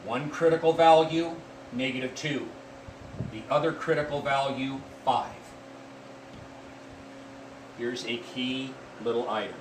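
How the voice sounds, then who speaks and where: Man lecturing math in an echoey room. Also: medium pitch. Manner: deliberate, repeats key points, addresses students as folks. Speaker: math teacher. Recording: echoey room from far off with faint noise.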